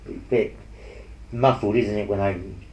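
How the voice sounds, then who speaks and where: A man hosting a painting ASMR video, mumbling and rambling softly while he paints, speaking into an earpiece mic. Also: on the low side, fairly even intonation, normal speed. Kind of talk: soft-spoken casual chat while painting. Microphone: earpiece headset mic. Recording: roomy with faint ambience.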